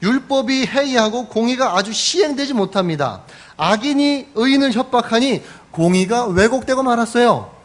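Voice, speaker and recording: A man's voice: extremely high pitch, lively intonation, moderate pace, voice pushed up. A man voicing an anguished male prophet who pleads and protests indignantly to God. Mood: protesting.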